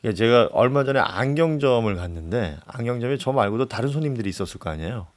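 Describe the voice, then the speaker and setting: A man hosts a relaxed radio conversation, chatting easily with his guest. His pitch moves up and down freely as he talks. The studio sound is dry and close. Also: quick pace, dry recording. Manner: relaxed, conversational, frequent backchannel. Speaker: radio host. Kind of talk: casual radio chat.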